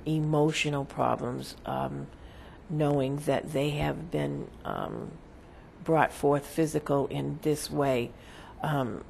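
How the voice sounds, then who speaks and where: Creaky, very slow seance medium in trance. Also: mid-range voice, a little mellow, slight background noise. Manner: halting, solemn, formal phrasing. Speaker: seance medium, trance channeler speaking as a spirit. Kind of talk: seance medium trance channeling, answering questions as a spirit.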